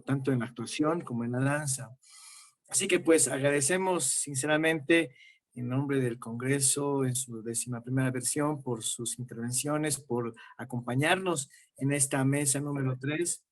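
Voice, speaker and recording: A man moderating a conference panel, giving formal closing thanks in a measured way with many filler pauses over a video call. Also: medium pitch.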